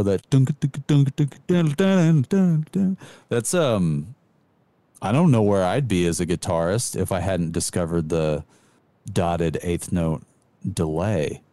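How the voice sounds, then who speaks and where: Deep, mellow-voiced man, jokey podcast chat. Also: no echo. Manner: jokey and self-deprecating, enthusiastic about guitar. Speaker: podcast co-host. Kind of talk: casual music podcast chat.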